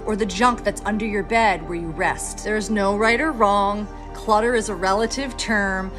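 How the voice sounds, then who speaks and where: A woman in her thirties with a Philadelphia accent talks straight to camera as a professional organizer. Her voice sits at a middle pitch and her delivery is upbeat and encouraging, with the odd self-deprecating aside. Soft music plays faintly underneath. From Pennsylvania, USA. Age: 30s. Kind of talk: instructional talk to camera.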